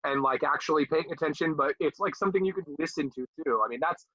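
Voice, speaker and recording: A man's voice: fairly high pitch, fast talker, sharp tone, dry recording. A man co-hosting a podcast over a video call, chatting casually in a rambling, laid-back way and swearing freely. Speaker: podcast co-host. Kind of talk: casual chat. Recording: muffled dull video call audio.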